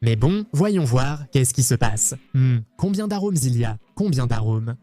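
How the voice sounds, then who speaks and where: Excitable man hosting a travel vlog. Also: medium pitch, unhurried, soft background music. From Argentina. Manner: excitable, playful, jokey. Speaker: travel vlogger host.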